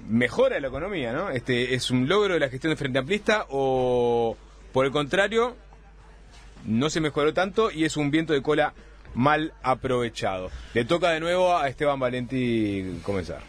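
A man moderates a radio debate at a mid pitch. He keeps an orderly, brisk manner as he sets up each topic. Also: animated.

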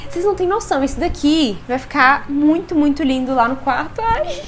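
A woman's voice: sits high, a little fast, slight background noise. A young woman with a Brazilian Portuguese accent, gushing enthusiastically as she shows her purchases to viewers in a casual vlog. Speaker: vlogger.

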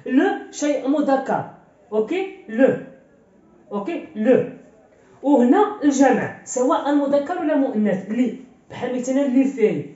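A woman's voice: a little high, mellow. Patient Moroccan woman teaching, distant echoey sound. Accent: Moroccan Arabic. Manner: patient, repetitive, often checks understanding. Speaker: French reading teacher. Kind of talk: online lesson explanation. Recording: distant echoey dull recording.

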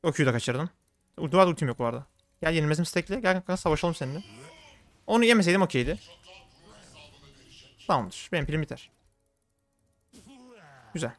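A young man commenting on his own game as he plays, talking fast and getting worked up. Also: on the high side, faint music behind. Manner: rapid, excitable, swings into frustrated outbursts. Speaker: gaming streamer. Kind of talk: live gameplay commentary.

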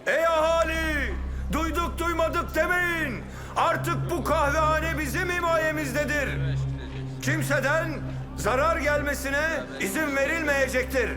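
A man's voice: very high-pitched, a little slow, over music. An actor playing a menacing Janissary thug in an Ottoman period drama, calling out a proclamation like a town crier. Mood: proclaiming.

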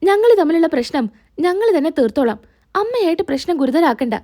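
A woman's voice: very high-pitched, big pitch swings, brisk, mellow, no echo, clean studio sound, voice pushed up. A woman voicing an impatient young husband telling his mother to leave. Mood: exasperated. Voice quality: impatient, pleading. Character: exasperated young husband and son.

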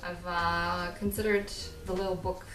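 A woman's voice: on the low side, level tone, measured pace, a bit bright. A woman in her thirties casually narrating a home tour, chatty and self-mocking with frequent laughs. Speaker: craft vlogger. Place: living room, indoors. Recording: roomy, distant sound with music behind. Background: background music.

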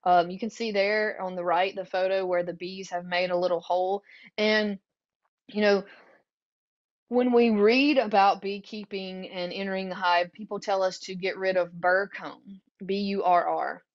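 A woman with a Southern US accent walks listeners through her slides in an earnest, conversational way, stopping often for ums and restarts. Her pitch sits in an ordinary middle range. The webinar audio is a little dull and muffled. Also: steady tone, normal speed. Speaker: beekeeping workshop presenter.

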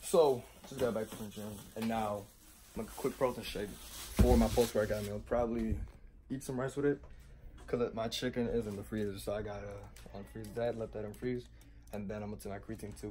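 Young man vlogging over household noise. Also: fairly low pitch. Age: young adult. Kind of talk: casual vlog demonstration. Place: home kitchen. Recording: noisy kitchen, vacuum running.

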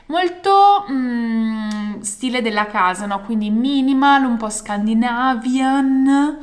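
A woman's voice: fairly high pitch, lively intonation, slow. A woman of around thirty talking casually to camera in an emphatic, enthusiastic vlog style, drawing out words. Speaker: vlogger. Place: bright room at home.

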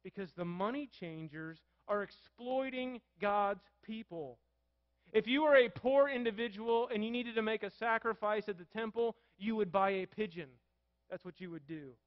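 High-voiced pastor preaching a sermon. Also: male voice, no echo, dull audio. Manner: asks the congregation questions, reads scripture aloud.

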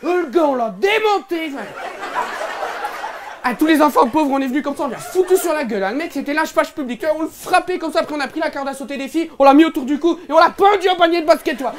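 Against a noisy background, a man talks fast in a very high-pitched, animated voice, playing a loud-mouthed young ch'ti boor in his one-man comedy show. He speaks with a Northern French ch'ti accent, sounds brash and boastful, and rambles absurdly in slang full of fillers.

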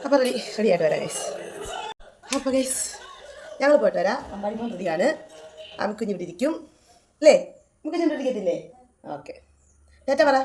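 A woman's voice: a little high, expressive, a little fast, pauses often, a little mellow. A woman filming a casual family vlog at home, talking to the viewers and coaxing her small child in a sing-song way. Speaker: vlogger and mother.

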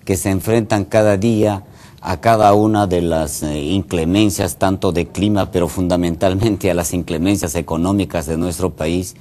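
A man's voice: low-pitched, fairly even intonation, normal speed, warm tone. A middle-aged man from Peru, a mayor being interviewed in a TV studio, speaking earnestly with frequent hesitations. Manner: earnest, many hesitation fillers. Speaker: mayor and guest. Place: TV news studio.

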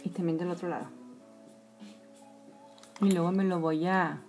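A lowish, level-toned, slightly mellow voice moves a little slowly over soft background music. It's a woman in her forties with a Mexican accent, a makeup vlogger doing a live tutorial from a small room, chatting to viewers she calls girls and letting her voice sink into whispers as she applies makeup. She's captured close on a phone or webcam.

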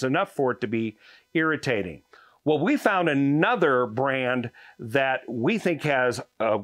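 A man's voice: mid-range voice, a bit bright, no room sound, studio quality. Folksy older man reviewing farm tools. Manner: folksy, explanatory, hands-on demonstrating. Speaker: tool reviewer, channel host. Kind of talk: casual product review. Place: garage workshop, then outdoors on a farm yard.

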